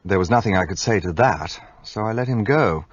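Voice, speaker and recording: An actor playing an earnest, impulsive gentleman who narrates a radio play in an expressive way. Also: lowish voice, brisk, dull audio.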